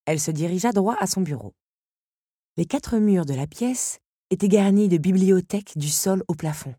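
Low, husky woman reading a storybook. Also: no echo, studio quality. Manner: measured, expressive reading. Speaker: narrator.

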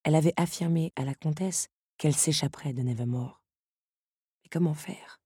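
A woman narrating an audiobook in a measured, even storytelling manner. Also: sits low, slightly rough, dry recording, clean studio sound.

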